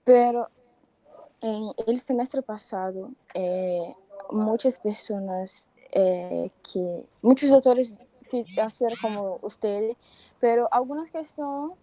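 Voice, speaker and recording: Slow, hesitant woman student. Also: a little high, warm tone, low-quality recording. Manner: hesitant, searching for words. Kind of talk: classroom question.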